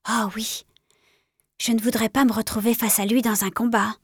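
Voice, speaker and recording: Lady reading as a young apprentice tomcat whispering to his pal, softish, dry sound. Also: fairly high pitch, steady tone, quick pace, husky, no room sound. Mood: hushed. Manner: hushed, confiding. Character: chatty young male apprentice cat.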